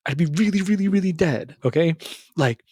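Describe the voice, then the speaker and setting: A man hosting a podcast in a casual monologue, rambling and digressing excitedly as he talks straight to the listener. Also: fairly high pitch, brisk, slightly rough. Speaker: podcast host.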